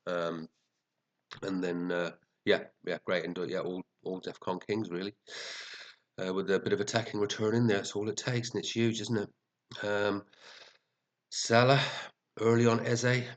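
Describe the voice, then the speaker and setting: Male fantasy football host, deep register, bunged up and sniffly, chatty off-the-cuff commentary with mild swearing. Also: flat delivery, moderate pace, long pauses. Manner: chatty, muttering to himself, mildly sweary. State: sniffly, congested with a head cold. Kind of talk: casual rambling commentary reviewing team scores.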